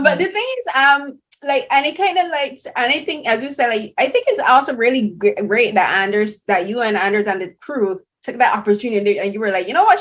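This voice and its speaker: A woman from Barbados with a Barbadian accent, hosting a casual interview and telling stories in an animated, chatty way. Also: fairly high pitch. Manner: animated, chatty storytelling with many "like"s. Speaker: podcast host.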